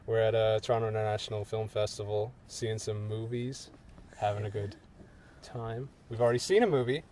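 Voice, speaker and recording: A young man hosting a casual podcast chat, jokey and lively. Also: on the low side, brisk, slight background noise. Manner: lively, jokey, animated delivery. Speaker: podcast host. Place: indoors in Toronto.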